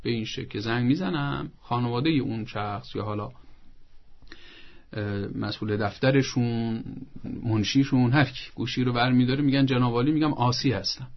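Male parenting expert, didactic and point-by-point, mid-pitched, on muffled lo-fi broadcast audio. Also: fairly even intonation, vocal fry. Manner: didactic, lays out points one by one; acts out parents' lines in a soft coaxing voice. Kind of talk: advice talk on a show.

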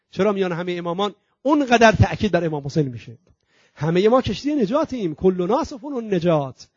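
A high-pitched man delivers an impassioned sermon, swelling to loud proclaiming and dropping to a hush, and he stretches out recited Arabic phrases. The recording is dry and dull, with a lo-fi edge. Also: no echo. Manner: impassioned, swings between loud and hushed, slow drawn-out Arabic recitation. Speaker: preacher. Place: religious centre hall.

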